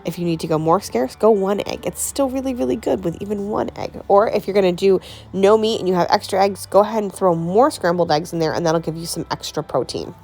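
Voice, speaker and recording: A woman's voice: medium pitch, fairly quick, darkish tone. A woman chatting casually through a home cooking tutorial in her kitchen, laughing easily and peppering her talk with "like". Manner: chatty, laughs often, says "like" a lot. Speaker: home cooking vlogger and mom.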